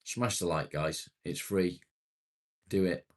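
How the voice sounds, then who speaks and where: A man's voice: sits low, slow, a little hiss or hum. A man in his late forties hosting a casual livestream, chatting matily with viewers and swearing now and then. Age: 40s. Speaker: livestream host. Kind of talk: casual live chat reading viewer comments.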